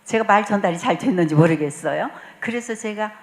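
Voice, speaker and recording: A woman speaking at a spiritual retreat, her pitch sitting in an ordinary middle range. She tells faith stories warmly and chattily, leaning on fillers and breaking into laughter now and then. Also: brisk. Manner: warm storytelling, acts out quoted dialogue, frequent fillers; laughs often while speaking. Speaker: lay mission president leading a retreat talk.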